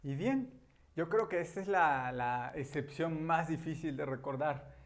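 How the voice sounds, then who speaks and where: Slow, patient male grammar teacher. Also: a little high. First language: Spanish. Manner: patient, repeats key words, many "ujú" and "ajá" fillers. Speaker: English teacher. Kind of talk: explaining grammar at a board.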